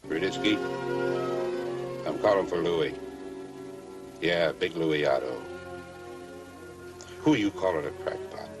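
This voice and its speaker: A small-time gangster in an old crime drama. His voice is very deep, insistent and slangy. Music plays clearly behind him. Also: slow pace, long pauses.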